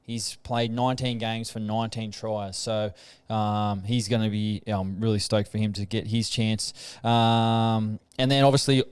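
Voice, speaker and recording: Laid-back Australian man, smooth voice. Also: on the low side, little pitch movement, measured pace, few pauses. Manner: laid-back, chatty, says "um" and "mate" often. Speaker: rugby league player and podcast host. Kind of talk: casual chat about rugby.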